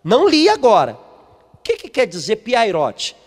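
A man's voice: extremely high pitch, wildly swooping pitch, moderate pace, in a large hall. A man, a missionary preaching a sermon, reading from a book and putting questions to the congregation. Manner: emphatic, asks the congregation questions.

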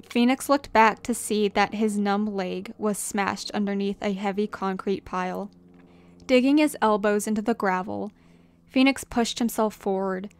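A woman reading a story aloud as narrator, in a measured, expressive way. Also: mid-range voice, clear, resonant tone, no echo. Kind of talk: fan fiction audiobook reading.

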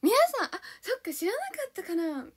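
Very high-pitched and fairly quick, her voice swings widely in pitch. The young idol livestreamer chats casually, bubbly and giggly, reading and thanking viewers' comments individually. She was born in Hiroshima and comes from Kanto, Japan.

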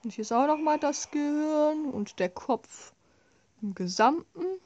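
A woman's voice: high voice, animated, a little slow, a little mellow, muffled recording. A woman giving casual, wry, sarcastic commentary as she plays a horror game. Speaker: let's play host.

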